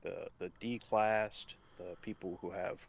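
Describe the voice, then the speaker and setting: A man chiming in on a casual discussion, halting and hesitant as he thinks aloud. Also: deep voice, fairly even intonation, gravelly, dull audio.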